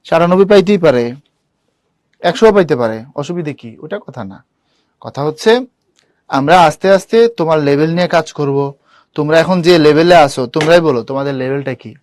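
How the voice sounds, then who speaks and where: A man's voice: a little high, fast talker, pauses often, a little mellow, dry recording, clean studio sound. A young man teaching an online admission class, talking casually and asking students questions. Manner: casual, chatty, addresses students directly, asks them questions. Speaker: university admission tutor.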